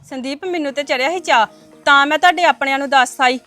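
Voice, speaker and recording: A woman's voice: high voice, fast talker, sharp tone, soft background music. A woman plays an offended neighbor who complains in an aggrieved tone. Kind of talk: family web series acting.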